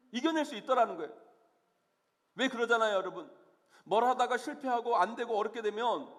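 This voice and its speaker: Male pastor, high voice, earnest sermon, church hall reverb. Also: fairly bright tone. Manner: earnest, emphatic preaching with rhetorical questions. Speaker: senior pastor. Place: church sanctuary.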